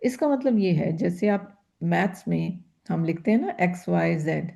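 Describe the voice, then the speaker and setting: A woman's voice: lowish voice, lively intonation, moderate pace, gravelly, mellow. A woman teaching a grammar class, patiently repeating terms and asking her students rhetorical questions. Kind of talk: grammar lecture.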